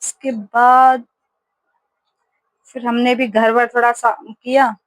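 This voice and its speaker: A woman in her thirties chats casually for her home vlog from her kitchen. Her voice sits a little high and sounds close and dry, and she rambles through stories with plenty of fillers. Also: little pitch movement, slow pace, dry recording. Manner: chatty storytelling with many fillers. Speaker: vlogger.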